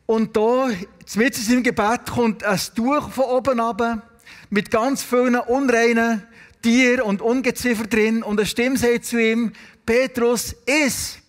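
A man's voice: extremely high pitch, fairly even intonation, normal speed. A man preaching a sermon with a Swiss German accent, retelling Bible stories and putting questions to the congregation. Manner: storytelling, asks the congregation questions. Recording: long hall reverb.

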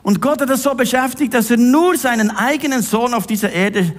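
A man's voice: extremely high pitch, moderate pace. A middle-aged man preaching a sermon, addressing the listener directly and with emphasis.

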